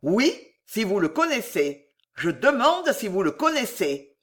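A woman's voice: medium pitch, very animated, measured pace, a bit bright. A woman voicing a jealous, indignant middle-aged man in an audiobook, blustering and menacing. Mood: angry, accusing. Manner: blustering, menacing, repeats "monsieur". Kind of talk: audiobook character reading.

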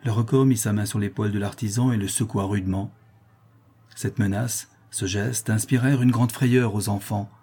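A man reading a novel aloud in measured, subdued scripted narration. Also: on the low side, steady tone, dark tone, breathy edge. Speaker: audiobook narrator.

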